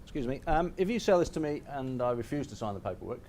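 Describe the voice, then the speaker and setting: Animated male bidder in a noisy room. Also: fast. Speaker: auction bidder asking questions. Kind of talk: short questions and bids from the audience. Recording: background rumble and room noise.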